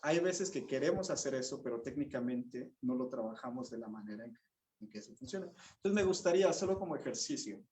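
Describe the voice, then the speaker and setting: A man teaching a bassoon masterclass, patiently explaining and singing rhythms and note names to show the phrasing. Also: expressive, brisk, a little mellow. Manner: patient, encouraging. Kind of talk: masterclass instruction.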